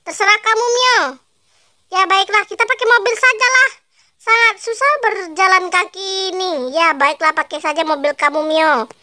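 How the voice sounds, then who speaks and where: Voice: very high-pitched, steady tone, moderate pace, bright, forceful tone, no room sound, clean studio sound, heavily acted. A child voicing an obliging male police officer with short, easygoing replies.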